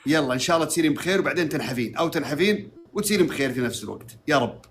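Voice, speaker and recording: Guy sheikh giving advice on a call, talks super fast, teasing. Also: fairly high pitch, faint music behind. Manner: teasing, lively, quick-talking.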